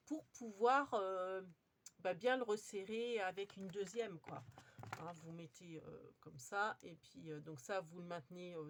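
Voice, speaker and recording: A woman chatting casually as she shows off her craft haul, talking with lots of fillers and restarts. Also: medium pitch. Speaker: crafting vlogger. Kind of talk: casual show-and-tell haul.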